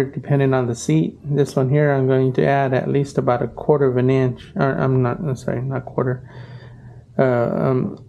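A man's voice: mid-range voice, warm tone. A middle-aged man, an upholsterer, explaining his craft in a plain, practical way, with fillers and self-corrections. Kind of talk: casual workshop tutorial. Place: upholstery workshop indoors.

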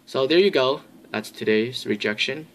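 A man's voice: mid-range voice, moderate pace. A young man talking earnestly into a phone camera held at arm's length in a campus hallway. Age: young adult. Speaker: vlogger. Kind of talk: casual vlog narration. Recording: noisy phone recording.

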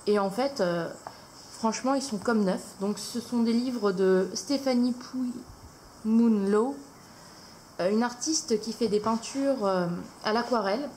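A woman's voice: a little high, unhurried, mellow, a little hiss or hum, poor audio. A woman hosting a casual haul video at home, talking hesitantly with many fillers. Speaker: craft channel host.

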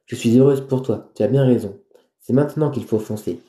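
A man voicing a young woman who talks warmly with her close friend. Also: medium pitch, fairly quick, natural voice. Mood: friendly. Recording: roomy echo.

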